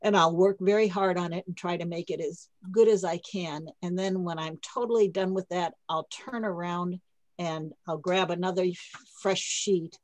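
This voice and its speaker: Woman poet, lowish voice, dry close sound; casual workshop teacher who restarts sentences as she thinks aloud. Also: fairly even intonation, moderate pace, a little mellow, dry recording, poor audio. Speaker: poet leading a writing workshop.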